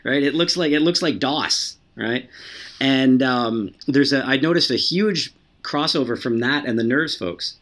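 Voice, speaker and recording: A man talking casually as a podcast guest about his software work, stumbling over many restarts and fillers. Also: medium pitch, measured pace. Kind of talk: casual conversation.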